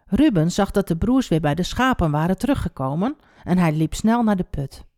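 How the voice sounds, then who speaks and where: Give me a woman storyteller for children, very animated pitch, in a dry booth. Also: moderate pace, no echo. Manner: expressive, talks to the child listener.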